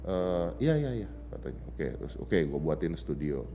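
A man's voice: rumbling low, sing-song, moderate pace, dark tone, muffled recording, a little hiss or hum. A man, a father, telling an emotional story in casual chat and acting out the dialogue with quotes in English. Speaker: podcast guest, father of a teenager. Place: podcast studio.

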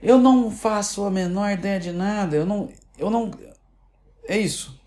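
Brazilian woman ranting on camera, sarcastic, keeps restarting, mellow voice. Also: mid-range voice, normal speed. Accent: Brazilian Portuguese. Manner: sarcastic, rambling with many restarts. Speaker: online commentator. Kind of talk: casual opinion rant.

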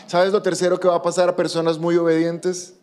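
Animated male pastor preaching. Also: high-pitched, brisk. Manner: animated preaching, acting out quoted voices. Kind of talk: sermon.

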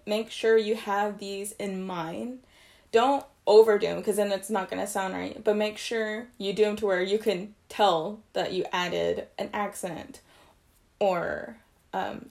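In a creaky, slightly mellow mid-range voice, a young woman who plays trumpet explains articulation basics in a casual video. She talks freely, corrects herself as she goes, and keeps things loose.

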